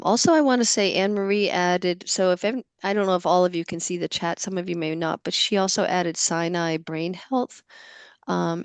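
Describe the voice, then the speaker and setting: A woman with a low, smooth, resonant voice gives an earnest, explanatory webinar talk over a video call. Her sound is dry and close, with gentle fillers between points. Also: no echo. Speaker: webinar co-presenter.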